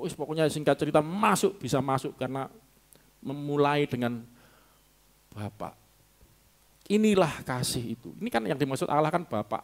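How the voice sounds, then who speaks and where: A man preaching a sermon in a church, animated and emphatic, slipping in local words and short chuckles. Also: a little high. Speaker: pastor. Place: church sanctuary.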